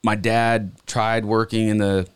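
Deep-voiced man telling stories. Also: measured pace, smooth, dry recording. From Montana, USA. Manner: relaxed, rambling storytelling. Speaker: guest. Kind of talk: casual chat.

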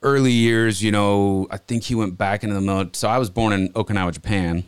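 A man from Montana, a podcast guest telling relaxed, rambling stories from his childhood in casual chat. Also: on the low side, a little fast, clean tone, no echo. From Montana, USA.

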